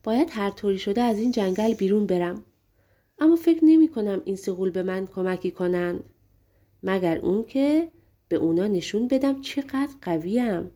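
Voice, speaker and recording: A woman's voice: mid-range voice, expressive, warm tone, close to an everyday voice. A woman voicing an earnest young male hunter in an audiobook fairy tale. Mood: determined. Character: young man, a brave hunter's apprentice.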